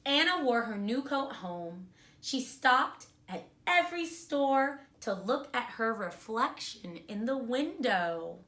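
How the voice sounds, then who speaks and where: Bright, slow-paced woman with kindergarten teacher voice. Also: a little high, expressive. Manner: kindergarten teacher voice, explaining words simply. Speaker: preschool teacher reading a story aloud. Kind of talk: storybook read-aloud for young children with simple explanations.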